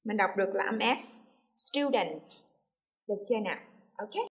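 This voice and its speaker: A woman English teacher giving a lesson on plural pronunciation, who models words slowly and often checks that students follow. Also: medium pitch. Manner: patient, checks understanding with repeated questions; drawn-out demonstration sounds, models words slowly. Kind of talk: classroom lesson explaining pronunciation.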